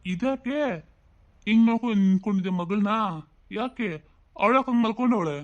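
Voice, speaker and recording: A woman's voice: medium pitch, fairly quick, dull audio, lightly acted. A woman playing an easygoing, teasing husband and father in a comedy sketch. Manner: relaxed, teasing.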